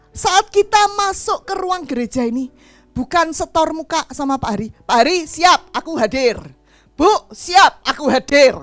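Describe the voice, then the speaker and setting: A middle-aged woman preaching a sermon in an animated storytelling way, acting out the voices of the people in her stories. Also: high voice, no room sound.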